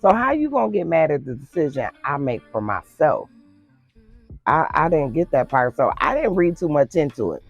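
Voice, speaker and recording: A woman's voice: sits low, sing-song, moderate pace, vocal fry, breathy edge, soft background music. Chatty woman telling a storytime. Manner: chatty, addresses viewers as girl and y'all. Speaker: storytime vlogger. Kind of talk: casual storytelling to viewers.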